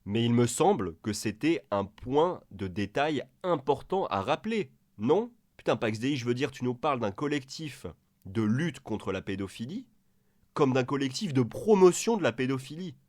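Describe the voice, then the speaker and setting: A man doing reaction commentary with a scornful, crude, mocking edge, as if speaking straight at the person he is answering. His voice sits at an ordinary middle pitch. The recording is dry and close, with no room sound. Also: sing-song, moderate pace, darkish tone, no room sound. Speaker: video commentator.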